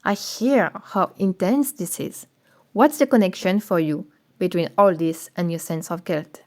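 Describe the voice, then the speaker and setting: A woman acting in an animated short film, speaking in an earnest, questioning manner. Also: lowish voice, a little slow, close to an everyday voice. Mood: polite, attentive. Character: opinionated woman, later a polite, attentive therapist. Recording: music under the voice.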